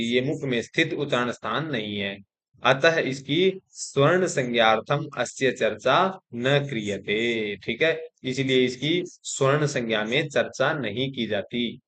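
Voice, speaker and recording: A man's voice: medium pitch, fairly bright tone. A man teaching an exam-prep Sanskrit grammar lesson in Hindi. He recites the rules, explains them step by step and keeps checking in with the class. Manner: explains step by step, often saying 'theek hai' to check in.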